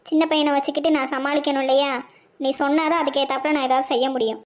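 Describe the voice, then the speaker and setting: Old village grandma, scolding and bossy; a woman voices her high. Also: steady tone, fast, lightly acted. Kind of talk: cartoon voice acting.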